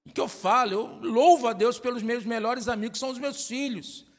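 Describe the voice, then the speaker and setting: High-voiced pastor preaching in a church hall. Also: male voice, a little fast. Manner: emphatic preaching with rhetorical questions to the congregation. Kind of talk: sermon.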